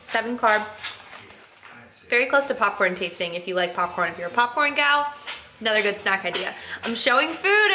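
A woman's voice: medium pitch, pushed and bright, roomy sound, a little hiss or hum. A woman vlogging casually from her home kitchen, chatty and upbeat, rambling through asides to a camera set down nearby. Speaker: lifestyle vlogger.

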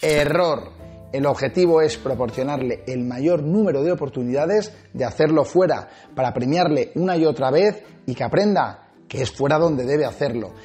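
A dog trainer and channel host in his forties, from Spain and speaking with a Spanish accent, talks to camera in an energetic tips video on a small indoor studio set with shelves. Wearing a lapel mic, he gestures animatedly and swings his pitch emphatically at a moderate pace. Faint music plays behind him.

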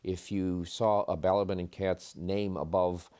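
A man with a very low, dark voice explaining analytically in a documentary interview. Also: little pitch movement, measured pace, smooth.

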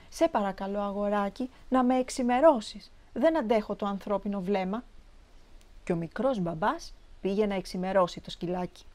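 An actress narrating a children's short story with an expressive, animated reading. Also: female voice, medium pitch.

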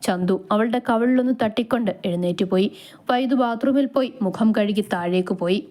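A woman narrating a romance story with steady, expressive reading. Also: a little high, a little fast.

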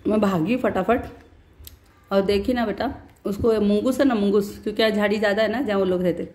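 A woman's voice: mid-range voice, a little mellow. A middle-aged woman vlogger talking casually to her viewers, telling a story between bites and calling them "beta". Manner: pauses while chewing.

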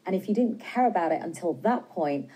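Her voice sits on the low side, expressive and dark with a slightly rough edge, and the recording itself is rough. She's a British film director in her forties, earnestly taking interview questions through a lapel mic in a TV news studio, measured and at times hesitant.

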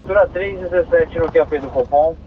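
This is a man with a Brazilian accent dispatching on police radio, reading codes and numbers formally and courteously. He speaks briskly in a higher voice, and the narrow-band, tinny two-way transmission carries slight background noise.

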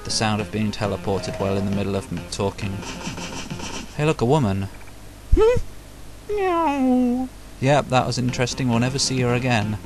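A man's voice: medium pitch, huge pitch swings, moderate pace, long pauses. A man casually commentating his own gameplay, jokey and self-mocking, muttering asides. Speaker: let's play host. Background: loud game music.

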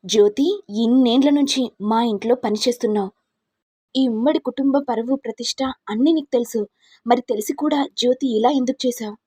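A stern mother-in-law who rules a big household and accuses everyone, put on by a woman retelling a TV serial. Her voice is raised, loud and husky. It sits a little high, with a dry sound. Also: a little fast, dry recording. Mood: angry scolding. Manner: scolding, accusing.

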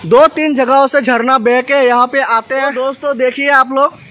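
Standing by a forest stream and picnic shelter, a young man films a chatty travel vlog with his phone at arm's length, talking to viewers and repeating "दोस्तों" and "मतलब". His voice is extremely high, steady and sharp, and rushing water sounds through the noisy outdoor recording.

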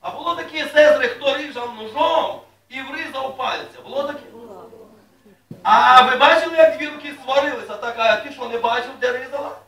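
A man preaching a sermon to his congregation in a folksy way, asking them questions and rising loudly when he reads scripture. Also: very high voice, fairly quick. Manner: folksy, asks the congregation questions, rises to loud reading. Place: church hall. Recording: echoey room, mic at a distance.

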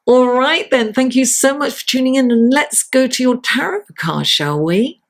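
A middle-aged woman with a slightly raspy voice giving a measured horoscope and tarot reading to camera. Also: high voice. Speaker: astrologer and tarot reader, host. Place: indoors, seated at a table.

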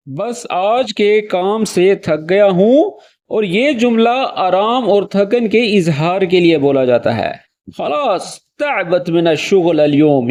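In this friendly lesson on spoken Arabic, a high-voiced man walks slowly through each phrase. He then says it again, acting out the emotion behind it.

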